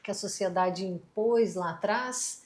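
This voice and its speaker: A woman's voice: medium pitch, measured pace, background noise. A woman speaking earnestly and encouragingly in a panel discussion.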